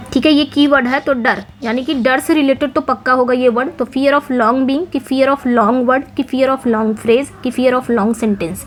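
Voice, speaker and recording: A woman explains English literary terms for exam preparation, going through each answer step by step. She reads English phrases out slowly and carefully. Her voice sits high, with a faint background hum. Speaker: English teacher. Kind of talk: exam-prep lesson explaining multiple-choice answers.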